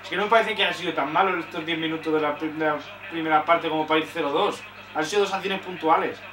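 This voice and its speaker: A man's voice: fairly high pitch, fairly even intonation, quick pace, far from the mic. A young man from Spain reacting to a live football match, frustrated and swearing often. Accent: Spanish from Spain. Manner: frustrated, swears often, shouts at big chances. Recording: roomy echo, off-mic.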